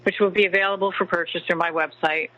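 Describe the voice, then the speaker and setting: A man giving a slow inspirational talk in the style of a guided meditation, with deliberate, spaced phrasing and pauses. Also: sits high, steady tone, sharp tone, lo-fi sound. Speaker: spiritual teacher and meditation host.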